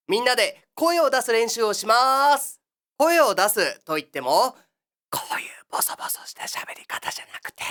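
In a comic monologue, a woman with a mid-range, fairly bright voice plays the cheery big-brother host of a children's exercise show. Her patter is sing-song and coaxing.

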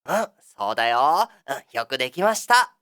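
A woman's voice: rumbling low, big pitch swings, normal speed, a bit bright, full character voice. A woman playing the cheery big-brother host of a children's exercise show, talking in a sing-song, coaxing patter in a comic monologue.

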